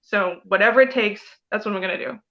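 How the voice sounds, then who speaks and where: A woman's voice: mid-range voice, quick pace. Chatty woman from Taiwan, lo-fi call. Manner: chatty and rambling, heavy use of "like" and "you know". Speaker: guest comic artist. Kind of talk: casual interview chat.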